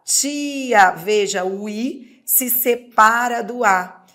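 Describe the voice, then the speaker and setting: A woman's voice: mid-range voice, slow pace, a bit bright. A woman teacher with a Brazilian accent giving an exam prep lesson, sounding out words syllable by syllable. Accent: Brazilian Portuguese.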